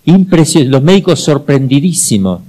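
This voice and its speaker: Middle-aged Argentine male priest, mellow timbre, lively storyteller who repeats for emphasis. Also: on the high side, normal speed, rough recording. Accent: Argentine Spanish. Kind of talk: teaching talk with personal anecdotes.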